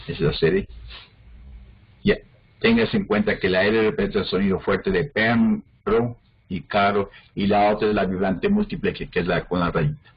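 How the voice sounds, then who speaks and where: A man leads a phonology lesson, breaking ideas into small steps and pausing to ask if everyone understands. His voice is a little husky. The sound is muffled and lo-fi, like a computer mic on a video call. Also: on the low side, animated. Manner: explains step by step, checks understanding with frequent questions. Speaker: phonology teacher. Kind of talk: online class lecture.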